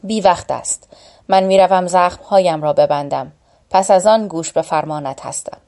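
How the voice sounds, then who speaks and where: A woman's voice: lowish voice, dark tone, lightly acted. A woman reading the lines of an aging, weary male hero in a storybook tale, in a sober, resigned way. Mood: grave.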